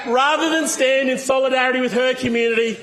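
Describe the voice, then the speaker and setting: A man's voice: very high-pitched, steady tone, fast talker, a bit bright. A man with an Australian accent delivering a combative, emphatic speech in parliament, leaning on repetition for force. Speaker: opposition member of parliament. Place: parliament chamber.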